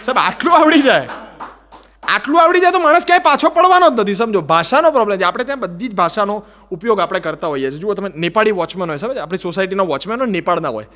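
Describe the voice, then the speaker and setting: A man's voice: high-pitched, expressive, fast, sharp tone. A man with a Gujarati accent performing a stand-up comedy routine, telling stories with put-on voices and broken English.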